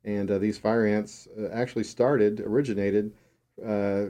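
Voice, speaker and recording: A man's voice: lowish voice, fairly even intonation, unhurried, dark tone. A man co-hosting a radio show in casual chat. He is easygoing, chuckles often and explains things at length. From Texas.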